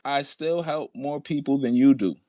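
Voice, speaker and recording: This man's mellow, medium-pitched voice moves at a normal pace as he swears and insists on his points in a fiery online debate. The sound is dry, captured in a large room at home.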